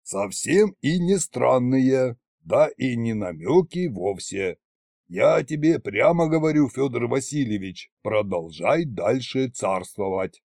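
Man voicing a sly gravelly old deathless king, slow and husky, audiobook. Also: medium pitch, lively intonation, darkish tone, dry recording, clean studio sound, heavily acted. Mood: mocking. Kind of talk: audiobook character voice.

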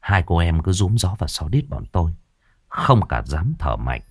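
A man narrating a horror story in a lively, vivid way. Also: normal speed, husky, dry recording, clean studio sound. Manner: lively, vivid telling with varied pitch.

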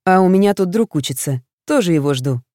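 A woman voicing a calm young man who speaks briefly and quietly. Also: fairly low pitch, brisk, no echo, clean studio sound, close to an everyday voice.

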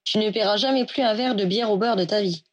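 Woman voicing a cheeky young male wizard, teasing, quick, storybook reading. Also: medium pitch, close to an everyday voice. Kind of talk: audiobook reading of fan fiction.

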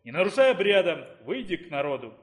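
A man reading the part of an imperturbable rector in an audiobook, speaking calmly and firmly. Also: high-pitched, a little fast. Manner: calm, unruffled.

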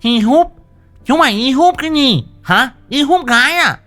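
Lisping, bellowing village bully of a woman, played by a woman in an audio story; high voice that swings up and down and never stops threatening. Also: lively intonation, normal speed, a bit bright, soft background music. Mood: furious. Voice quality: lisping, slurred speech. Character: loud, brutish, bullying middle-aged village woman.

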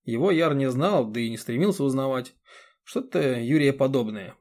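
A man reading an audiobook in a steady, even narrating voice. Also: medium pitch, moderate pace. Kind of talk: scripted narration.

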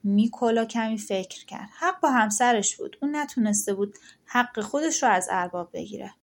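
A woman narrating an audiobook of folktales in a steady, expressive storytelling manner. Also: mid-range voice.

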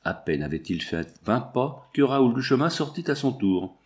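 A man narrating a nineteenth-century novel aloud in a measured, expressive reading. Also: mid-range voice. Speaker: audiobook narrator. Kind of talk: scripted narration.

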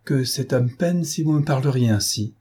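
A man reading the part of a timid, nearsighted young man who speaks softly and hesitantly but with quiet dignity, in a mellow, slightly husky voice. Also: mid-range voice, normal speed, voice pushed up, lightly acted. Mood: gentle, hesitant. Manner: soft, hesitant and trembling, yet dignified.

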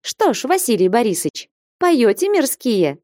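A woman's voice: on the high side, sing-song, a little slow, darkish tone, no echo, clean studio sound, voice pushed up. A woman voicing a bold, teasing young woman novice in a storybook reading.

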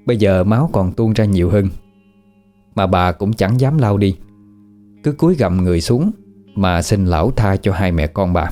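Deep, dark-voiced male storyteller. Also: lively intonation, normal speed, soft background music. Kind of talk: scripted horror story narration.

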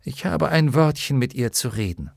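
A man's voice: mid-range voice, expressive, normal speed, vocal fry, darkish tone, no echo, clean studio sound, pitched above the performer's own voice. A man voicing a brave young boy hero in an audiobook, speaking in a firm, commanding tone. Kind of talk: audiobook character voice.

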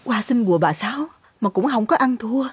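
A woman as hushed, husky worried mother. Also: fairly high pitch, animated, fairly quick, dry recording. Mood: hushed worry. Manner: hushed, anxious. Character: worried village mother, soft-spoken.

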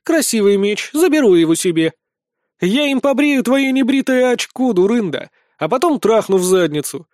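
A man's voice: very high-pitched, expressive, moderate pace, darkish tone, no room sound, studio quality, pitched above the performer's own voice. A man voicing a fierce, crude succubus warrior woman who mocks and threatens in a vulgar way. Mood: mocking. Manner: mocking, vulgar, menacing.

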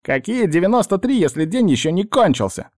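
A man voicing a high, nervous male voice inside someone's head, defensive and whiny, in an audiobook. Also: very animated, a little fast, a little mellow, dry recording, clean studio sound. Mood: protesting.

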